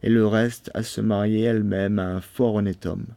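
A man narrating a fairy tale for children in an expressive storybook reading. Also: on the low side, normal speed, gravelly, clean tone, dry recording. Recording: dry studio sound.

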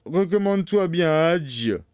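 A man voicing a cruel, merciless nobleman, shouting slowly and loudly with menace in a storybook reading. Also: fairly high pitch, animated, background noise, pitched above the performer's own voice. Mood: menacing. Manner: slow, loud, menacing shouting. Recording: dry studio sound.

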